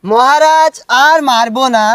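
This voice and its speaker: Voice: high voice, unhurried, a bit bright. An actor playing a groveling royal minister. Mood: fawning. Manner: fawning, says 'Maharaj' again and again. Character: groveling comic male minister.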